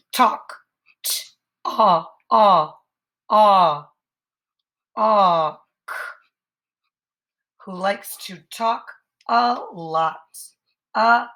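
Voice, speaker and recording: A woman teacher modeling writing for young children, thinking aloud patiently and slowly stretching each word into its sounds. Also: lowish voice, bright, forceful tone.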